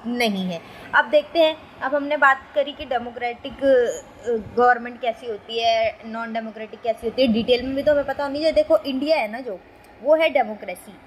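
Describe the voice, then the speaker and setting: A young woman teaching a school civics lesson in a casual, conversational way, often asking rhetorical questions and reading quotes slowly. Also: sits high, slight background noise, poor audio. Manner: reads English quotes slowly.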